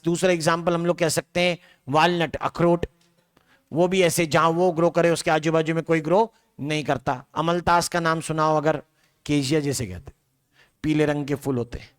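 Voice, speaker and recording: A man's voice: fairly high pitch, steady tone, moderate pace, fairly bright tone, clear, resonant tone. A man giving a biology lecture to a large classroom. He talks in a loose, conversational way and keeps checking in with rhetorical questions. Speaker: biology teacher.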